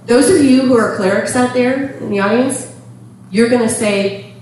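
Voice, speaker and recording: A woman's voice: a little high, normal speed, background noise. Middle-aged woman, chatty talk to an audience, lots of ums and laughs, heard from far off in an echoey room. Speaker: speaker on temperament.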